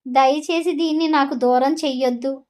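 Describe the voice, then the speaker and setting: Woman reading a tearful young bride, begging, high pitch, storybook audio. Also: fairly even intonation, normal speed, darkish tone, close to an everyday voice. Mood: pleading. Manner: pleading. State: crying.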